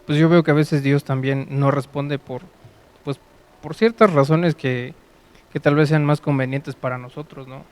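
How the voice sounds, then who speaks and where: A man taking part in a faith conversation, soft-spoken and hesitant, with many fillers. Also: a little high, steady tone, moderate pace, clear, resonant tone, low-quality recording. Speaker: co-host in a faith discussion. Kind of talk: casual religious conversation.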